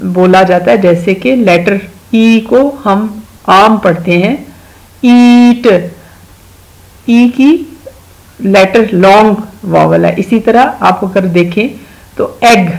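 A woman with a Pakistani accent teaches children at home, talking slowly and patiently. Her voice has a gravelly texture, and she draws out each example word so the sounds come through clearly. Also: medium pitch, a little mellow, poor audio. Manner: patient, slow explaining, drawing out sounds in examples. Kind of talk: home-school lesson explaining English vowels to children.

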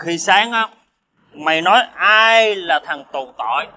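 An actor playing a hot-tempered, drunk male ex-convict, shouting indignantly in a TV crime drama. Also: a little high, lively intonation, quick pace, a little hiss or hum. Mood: drunk bitter.

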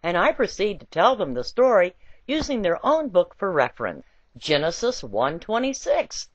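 With a fairly low, sing-song voice at normal speed, a woman reads a written satirical essay theatrically and playfully, as if telling a story. It's a dry, dull, lo-fi home recording.

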